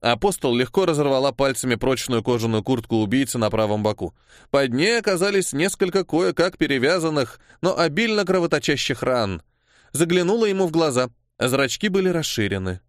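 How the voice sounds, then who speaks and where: A man narrating an audiobook in a steady storytelling voice. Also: medium pitch, a little fast, no echo, studio quality. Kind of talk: scripted narration.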